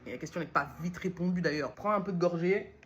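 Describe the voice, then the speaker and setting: A woman's voice: on the low side, quick pace, highs cut off. A woman from Lyon talking casually to camera as a vlogger and new entrepreneur, rambling and self-mocking as she jumps between topics. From Lyon, France. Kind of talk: casual direct-to-camera talk.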